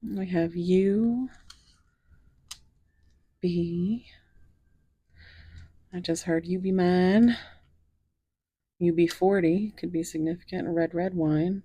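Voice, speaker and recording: Her voice is lowish, dark, and husky with fairly even intonation, recorded without echo. As a tarot reader doing a casual reading, she talks slowly and musingly, drifting into a whisper while drawing cards.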